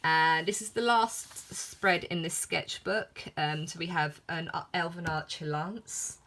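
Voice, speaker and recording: A woman with a fairly low voice and a lisp gives a casual sketchbook commentary. She takes it very slowly, hesitating often, and sounds self-deprecating and a little giggly. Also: fairly even intonation, fairly bright tone. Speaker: artist showing a sketchbook. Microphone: filmed on iPhone.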